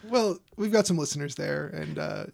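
Male podcast host: fairly high voice, heavy vocal fry, wry and conversational. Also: normal speed, darkish tone. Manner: joking, wry. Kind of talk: casual film chat.

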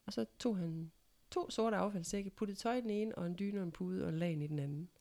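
A woman's voice: lowish voice, warm tone. A middle-aged woman telling personal stories in casual conversation, candid and matter-of-fact. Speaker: guest, mother of the host.

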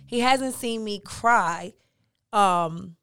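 A woman, talking in a casual, opinionated chat, animated and emphatic with plenty of swearing. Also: mid-range voice, drawn-out words, faint music behind.

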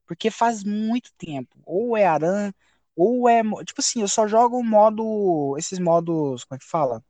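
A man hosting a casual podcast chat, telling stories in an animated, profane way. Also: high-pitched, moderate pace, no echo. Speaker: podcast host.

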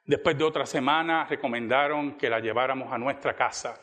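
A man's voice: brisk, bright, forceful tone, big-room sound. A man preaching a sermon, telling a story and acting out the quoted dialogue with a dramatic rise in his voice. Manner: dramatic, acts out quoted dialogue with rising pitch. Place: church.

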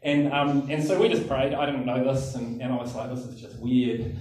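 A man's voice: medium pitch, steady tone, brisk, a little mellow. A man preaching in an echoing hall. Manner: chatty, self-mocking, many um fillers. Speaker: pastor. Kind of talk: sermon with a personal story. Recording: echoey hall, distant mic.

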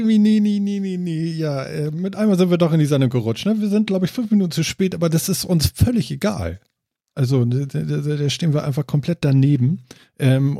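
A man's voice: on the high side, gravelly, dark tone, no echo, studio quality. A man hosting a casual podcast chat, rambling and joking loosely. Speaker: podcast host.

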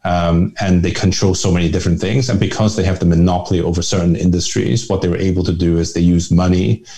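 A man's voice: low-pitched, steady tone, quick pace, vocal fry, dark tone. A middle-aged man from Northern Ireland, talking as an interview guest in a reflective, discursive way with frequent restarts. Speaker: guest, family office chairman. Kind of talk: conversational interview.

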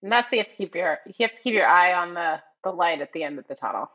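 A woman's voice: lowish voice, expressive, fast, muffled recording. A woman in her forties co-hosting a podcast, chatting casually and joking in a mock-formal way. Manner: chatty, laughs often, mock-formal jokes. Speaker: podcast co-host. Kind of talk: casual chat.

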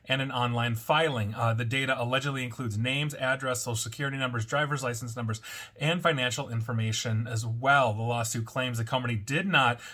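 A man's voice: medium pitch, steady tone, fairly quick, sharp tone. A man hosting a weekly cybersecurity news roundup, reading reports and adding wry, sardonic asides. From United States. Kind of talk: scripted news commentary with asides.

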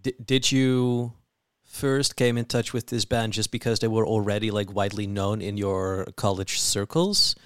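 A man interviewing a guest, asking questions in a measured, gently probing way. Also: on the low side, flat delivery, smooth, dry recording, studio quality.

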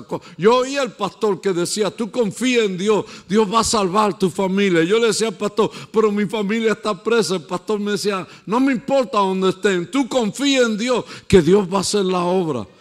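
A pastor preaching a sermon and telling stories, dropping to a hush and then building to shouts. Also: male voice, high voice. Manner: storytelling, swinging from hushed to shouting.

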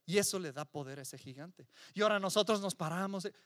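A man's voice: high-pitched, fast, a bit bright, no echo, clean studio sound. A man preaching a sermon, emphatic, with repetitions and rhetorical questions. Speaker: pastor.

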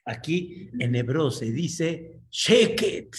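A man, a rabbi telling a story in a sermon, animated and full of halting fillers. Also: medium pitch, slight background noise.

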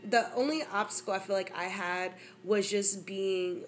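A young woman, a rapper and DJ chatting casually as a guest, telling animated stories with bursts of laughter and frank swearing. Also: medium pitch, moderate pace. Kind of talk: casual interview chat.

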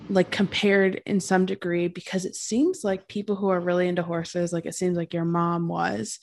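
A woman's voice: fairly low pitch, creaky. A young woman hosting a casual interview, chatty and curious, with many fillers. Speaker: host.

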